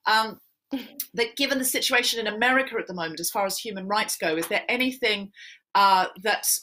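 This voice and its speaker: Woman, podcast host, bright tone, chatty, joking, video call. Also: medium pitch, slight background noise. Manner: chatty, joking, quick asides. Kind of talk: hosting a live video-call Q&A.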